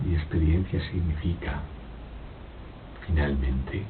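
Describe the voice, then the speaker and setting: A man giving a slow, reflective philosophical talk, halting and repeating his words, with frequent rhetorical questions. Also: distant mic. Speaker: spiritual speaker giving a talk. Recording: old lo-fi tape, phone-like, noisy with rumble.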